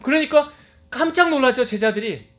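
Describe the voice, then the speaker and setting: A male pastor with a high-pitched voice preaches a sermon in a church. He keeps asking his congregation questions and then answers them himself. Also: moderate pace, fairly bright tone, soft background music. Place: church sanctuary.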